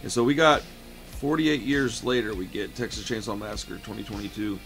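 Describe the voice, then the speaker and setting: A man in his late thirties reviews a horror movie from home, in a room lined with shelves of records and films, keeping it relaxed and chatty and often calling the listener "man." His lowish voice is creaky and a little fast, with soft music behind him.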